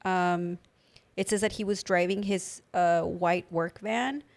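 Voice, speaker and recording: A woman's voice: on the low side, fairly even intonation, takes it slowly. A young woman co-hosting a podcast in casual chat, talking with a slight lisp from new dental aligners and lots of filler words. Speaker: podcast co-host.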